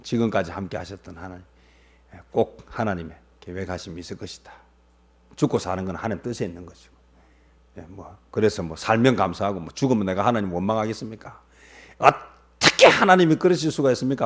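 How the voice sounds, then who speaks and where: A male pastor preaching a sermon, firing rhetorical questions at the congregation and swinging between loud and hushed. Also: deep voice, fairly quick, slightly rough.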